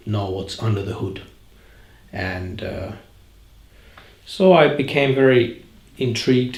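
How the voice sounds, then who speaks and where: A man in his forties with a Finnish accent, a guitar maker answering interview questions in a reflective way, often pausing to search for words. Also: on the low side, creaky, a little mellow. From northern Finland. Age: 40s. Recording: roomy echo.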